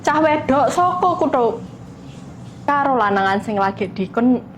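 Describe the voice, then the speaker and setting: A woman's voice: sits high, animated, a little slow, noisy background. A woman reading mock news in a playful way, stumbling over her lines.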